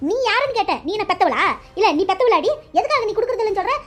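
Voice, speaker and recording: Brief: bullying aunt, played by a woman, high and quick, full of threats. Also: lively intonation, fairly bright tone. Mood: threatening. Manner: threatening, mocking. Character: bullying aunt pushing her son's marriage. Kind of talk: cartoon dialogue.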